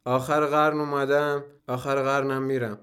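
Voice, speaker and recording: A man's voice: mid-range voice, level tone, fairly bright tone, clear, resonant tone, lightly acted. A man narrating a story voices a reckless, cheeky young soldier with a teasing, offhand manner.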